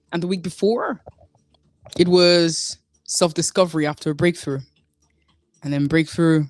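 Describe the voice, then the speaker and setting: A woman hosting a solo talk podcast, speaking deliberately and repeating phrases for emphasis. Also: low voice, darkish tone, dry recording. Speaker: podcast host.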